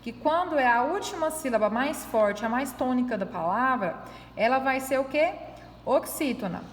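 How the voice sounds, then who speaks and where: A woman's voice: high-pitched, lively intonation, normal speed, a little hiss or hum. A woman teacher going over a corrected test, explaining each answer patiently and step by step, checking in with frequent tag questions. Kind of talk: reviewing a test with students. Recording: echoey room with long reverb.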